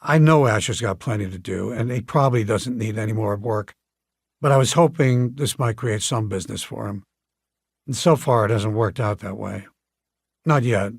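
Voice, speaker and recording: A man's voice: fairly low pitch, normal speed, creaky, slightly rough, no echo, clean studio sound. A man reading a chatty coffee shop owner. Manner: warm, chatty and plainspoken. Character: friendly talkative male coffee shop owner. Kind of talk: audiobook dialogue reading.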